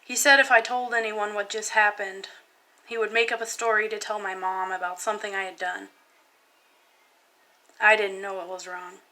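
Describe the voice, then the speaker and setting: Young woman, bright and clear tone, hesitant spoken-word poem reading. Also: mid-range voice, little pitch movement, poor audio. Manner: soft, halting and hesitant. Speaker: vlogger.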